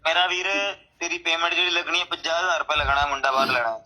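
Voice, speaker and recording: A pushy man with a high, bright voice makes demands fast over a phone call. He talks in a sharp, insistent manner, posing as a police officer. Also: steady tone.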